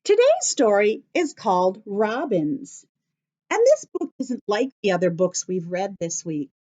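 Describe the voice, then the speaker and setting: A woman teacher speaks to young children at craft and story time in a medium-pitched, dark-toned voice with big pitch swings, going a little slowly. She explains things in simple steps and encourages them with questions.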